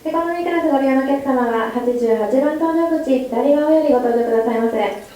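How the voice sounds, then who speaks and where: Woman gate agent, airport public-address announcement, very quick and formal, heavy echo. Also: high voice, a little hiss or hum. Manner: rapid, polite and formal, with small slips corrected on the fly. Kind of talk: formal bilingual boarding announcement. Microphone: public-address microphone. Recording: echoey terminal over a loudspeaker with faint ambience.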